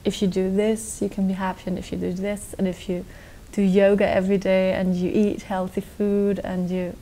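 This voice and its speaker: A young woman from Austria answering interview questions in a relaxed, rambling way, full of likes and restarts, recorded in a dark studio. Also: mid-range voice, normal speed, rough recording. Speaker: guest musician. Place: dark television studio set.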